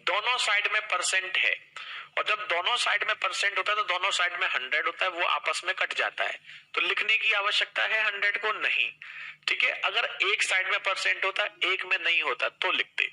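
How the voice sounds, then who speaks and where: Upbeat, bright-voiced male teacher. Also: sits high, poor audio. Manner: encouraging, reads out student names, asks the class questions; slows right down when reading out a question. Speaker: math teacher. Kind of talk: live online exam-prep class.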